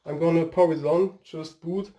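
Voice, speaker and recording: Brief: Portuguese-accented man, a bit high-pitched and warm, casual tech reviewer, hesitant non-native English, drifts off topic. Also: fairly even intonation, moderate pace. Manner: rambling, hesitant, searching for words. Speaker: tech video host. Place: home room with a fireplace.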